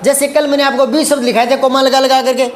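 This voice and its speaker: High-voiced Hindi teacher explaining grammar. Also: male voice, flat delivery, fast talker, roomy sound. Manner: patient, repetitive, addresses students as beta, asks checking questions. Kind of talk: classroom lesson explaining grammar to students.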